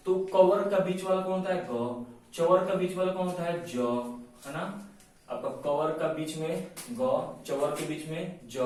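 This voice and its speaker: Heard from afar in a very reverberant room with faint background noise, this Hindi grammar teacher speaks a little high. He keeps repeating "है ना" throughout his lecture and slows down whenever he dictates notes.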